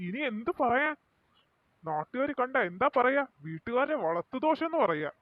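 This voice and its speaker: A man's voice: extremely high pitch, very animated, normal speed, no echo. A man playing an angry, strict middle-aged father who scolds harshly. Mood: furious. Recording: dry tinny lo-fi sound.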